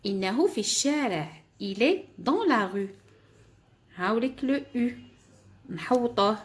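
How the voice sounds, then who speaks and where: A woman primary school teacher, giving a French lesson to young pupils, patiently repeating each word and sound and explaining in Arabic. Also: on the high side.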